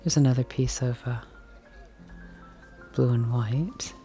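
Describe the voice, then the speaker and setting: A mellow-voiced woman browses a large indoor antique and thrift shop, giving casual walk-and-talk commentary while filming on a handheld camera mic as she walks. Her very deep voice is steady and slow, chatty and musing aloud, sometimes drifting into soft whispers. Soft music plays in the background.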